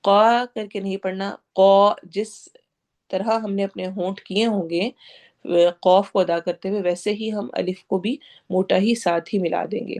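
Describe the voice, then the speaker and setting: A woman with a Pakistani Urdu accent teaching tajweed, going word by word and slowly drawing out each recited word. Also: medium pitch, fairly even intonation, dark tone. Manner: explains pronunciation patiently, drawing out recited words slowly; mixes English words into Urdu explanations.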